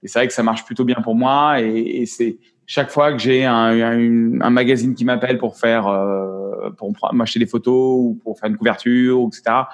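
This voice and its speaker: A man in his forties talks frankly as an interview guest, his pitch sitting mid-range for a man. He often stumbles and repeats words as he thinks aloud. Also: fairly even intonation, moderate pace, few pauses. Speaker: photographer and actor guest. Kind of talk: casual interview chat.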